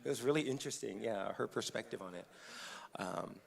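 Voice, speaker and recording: A man's voice: fairly low pitch, a little fast, creaky. A man moderating a panel conversation, asking open questions in a conversational way.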